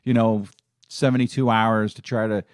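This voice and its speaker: A man's voice: fairly low pitch, little pitch movement, moderate pace, clean tone, no room sound, clean studio sound. A middle-aged man hosting a fan live stream, talking in a casual, emotional and rambling way with many restarts. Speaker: fan channel host.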